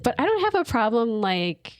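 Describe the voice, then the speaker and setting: A woman's voice: on the high side, sing-song, moderate pace, no room sound. A woman co-hosting a podcast in casual chat, chatty, laughing often and restarting her sentences. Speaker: podcast co-host.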